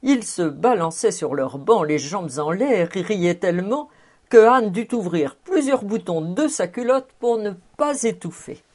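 A woman's voice: medium pitch, expressive, measured pace, darkish tone. Woman reading a classic novel aloud. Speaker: audiobook narrator.

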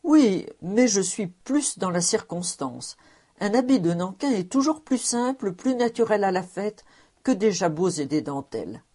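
A woman's voice: medium pitch, expressive, measured pace, mellow. A woman reading the lines of a fussy, self-important man with a cane in a storybook, in a protesting, judicious manner.

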